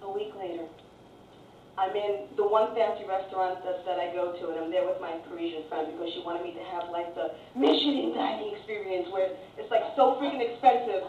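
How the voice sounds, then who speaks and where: A woman's voice: medium pitch, fairly even intonation, fairly quick, a little mellow, a little hiss or hum. An American woman telling a profane, chatty stand-up story. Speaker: stand-up comedian. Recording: distant roomy dull live recording.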